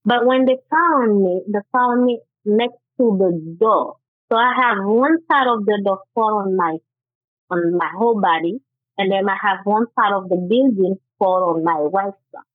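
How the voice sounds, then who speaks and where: In an interview, a woman who first spoke Haitian Creole offers personal testimony as a guest author. She comes across earnest yet halting, with restarts, in a mid-range voice on a dry recording that sounds tinny and phone-like.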